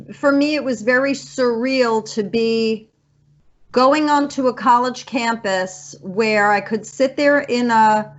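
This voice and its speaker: A woman in her fifties talks slowly and with feeling, her voice sitting a little high for a woman. She rambles warmly as the show's resident psychic. The sound is dull and lo-fi. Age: 50s. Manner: slow, earnest, emotional and rambling. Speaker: resident psychic on a college radio show. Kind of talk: heartfelt farewell chat.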